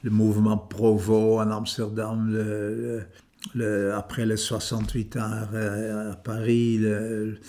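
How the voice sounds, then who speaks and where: Older dutch guy, accent, low flat voice, slow, keeps stumbling and restarting. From Netherlands. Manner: hesitant, many restarts and repeated words. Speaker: interviewee. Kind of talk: reminiscing interview.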